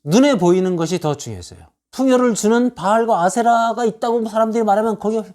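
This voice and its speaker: Fast-talking, with a voice that sits high and is a little mellow, this pastor preaches an expository sermon. He reads scripture verses aloud and pushes his message through rhetorical questions and repeated lists.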